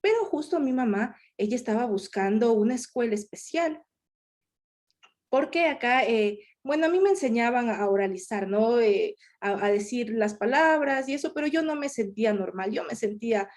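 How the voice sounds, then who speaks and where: A woman voicing a deaf speaker's talk live in the first person, halting, with many fillers and restarts. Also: on the high side, expressive, a little mellow. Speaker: sign language interpreter voicing a deaf speaker. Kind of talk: live interpretation of a conference talk.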